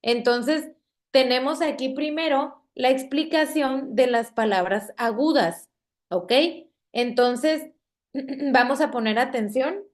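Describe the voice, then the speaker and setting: A woman teacher with a Mexican Spanish accent, explaining a classroom lesson slowly and patiently, checking in with her students after nearly every sentence. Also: high voice. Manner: slow, patient, checks in with "¿ok?" constantly. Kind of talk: classroom lesson on spelling and stress. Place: classroom with projector screen.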